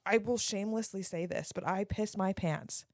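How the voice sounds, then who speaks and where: A woman's voice: medium pitch, normal speed, no echo, studio quality. A woman in her thirties co-hosting a podcast, telling a childhood story in casual, self-mocking chat with plenty of swearing. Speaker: podcast co-host.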